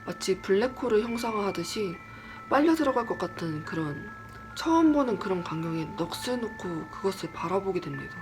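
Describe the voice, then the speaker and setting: Woman, casual horror storyteller, animated delivery, acts out quotes, medium pitch. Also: brisk, over music. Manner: lively, acts out quoted lines; self-deprecating, chatty asides.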